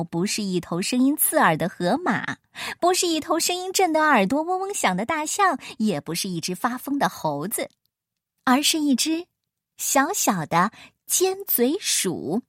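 A woman reading a children's picture book aloud in a playful, expressive way, her voice rising and falling with the story. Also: fairly high pitch, no echo, clean studio sound.

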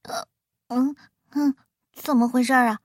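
A tiny shrew, freshly woken, mumbles in a high, thin voice, as a woman reads the part. The words drag slowly and sleepily, puzzled at the fuss. The sound is close and dry, with no room around it. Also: steady tone, no room sound. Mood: groggy, puzzled. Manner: drowsy, puzzled, drawn-out. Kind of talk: storybook character voice.

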